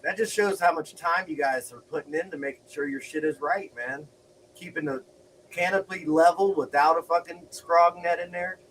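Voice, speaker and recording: A high-voiced man hosting a casual livestream, hyped and swearing freely as he chats. He sounds a little far from the mic, with faint background noise in the room. His talk is loose and enthusiastic. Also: moderate pace, fairly bright tone. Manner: hyped, profane, laughing often. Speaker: grow show host.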